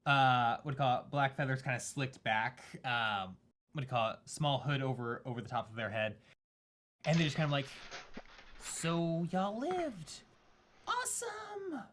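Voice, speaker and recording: A man's voice: medium pitch, fairly quick, a bit bright, slight background noise. A man narrating as game master in a casual, rambling way.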